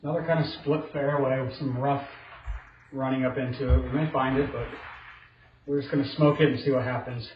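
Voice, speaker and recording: Echoey, low-key man giving golf commentary. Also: fairly even intonation, fairly quick. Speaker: golfer narrating his own simulator round. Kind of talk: casual self-commentary on golf play, like a golf commentator. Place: indoor home golf simulator room. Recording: roomy echo, slight noise, dull sound.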